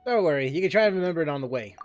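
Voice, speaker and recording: A man's voice: fairly high pitch, animated, racing, soft background music. A man doing casual game commentary as a streamer, rambling with wry asides. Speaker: gaming streamer.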